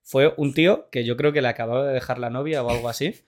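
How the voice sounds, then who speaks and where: A young man with a Spain Spanish accent chats on a podcast, winding through his anecdote with plenty of fillers, false starts and asides. His voice sits at an ordinary middle pitch, and he talks at an unhurried conversational pace. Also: steady tone. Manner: rambling storyteller, many fillers and restarts. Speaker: podcast co-host. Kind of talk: casual chat.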